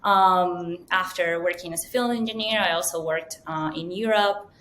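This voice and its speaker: Woman, low voice, earnest. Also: normal speed, a bit bright, slight background noise. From Venezuela. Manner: fluent, earnest, many ums. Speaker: guest, data science manager. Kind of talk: interview answers.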